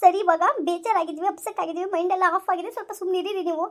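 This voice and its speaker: A woman's voice: extremely high pitch, fairly even intonation, racing. A woman acting an exasperated young family member who argues back and pleads in a family quarrel. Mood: upset. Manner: protesting, pleading. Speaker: actor in a village family skit. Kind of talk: amateur comedy skit acting.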